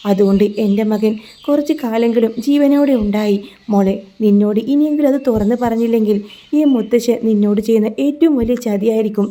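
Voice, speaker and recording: A woman reads the part of a grieving old grandfather, remorseful and pleading, in a storybook retelling. The voice is very dark and mellow, and it speaks slowly with a heavy heart. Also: on the high side, close to an everyday voice.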